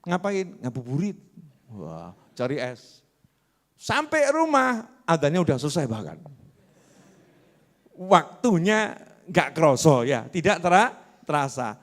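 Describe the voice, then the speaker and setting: A man with a Javanese accent preaching a sermon in a mosque, lively and quizzing the congregation. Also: on the high side, takes it slowly, pauses often. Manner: lively, asks the congregation questions.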